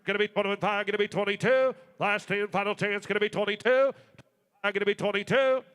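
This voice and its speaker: A man working as an auctioneer, calling bids in a rapid, repetitive, rolling live chant. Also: sits high, fairly even intonation, fairly bright tone, smooth. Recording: long hall reverb.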